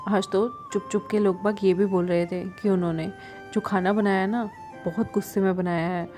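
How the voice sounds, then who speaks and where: A chatty male attendant who loves gossip, as a woman storyteller puts him on, chiding and talkative. The voice is mellow and warm-toned. Faint instrumental music runs beneath the storybook reading. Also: medium pitch, fairly even intonation, moderate pace, lightly acted.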